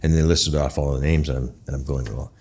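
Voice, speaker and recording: Deep-voiced man explaining thoughtfully. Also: flat delivery, darkish tone. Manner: thoughtful, halting explanations with pauses. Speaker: guest expert, bass maker. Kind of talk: conversational interview answers.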